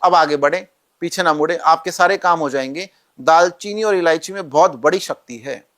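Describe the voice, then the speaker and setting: A man gives calm, step-by-step instructions on rituals and mantras as an interview guest. His voice sits a little high for a man, and he speaks straight to the listener. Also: normal speed. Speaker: astrologer guest.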